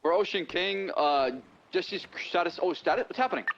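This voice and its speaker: A man's voice: high voice, normal speed. Man calling in over a noisy police radio. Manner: clipped radio codes. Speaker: police officer in a roleplay. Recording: muffled noisy radio channel.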